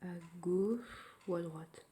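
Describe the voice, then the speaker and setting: A woman giving casual commentary while playing a mobile game, thinking aloud in a quiet, low-key way, recorded through her phone. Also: slow pace. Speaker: mobile gamer narrating her play. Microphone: phone screen recording.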